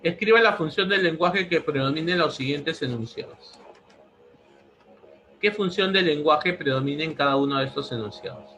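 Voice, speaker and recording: A man's voice: on the high side, expressive, moderate pace, bright, forceful tone, a little hiss or hum, rough recording. A man teaching a language lesson, repeating each answer several times. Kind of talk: pre-university language lesson.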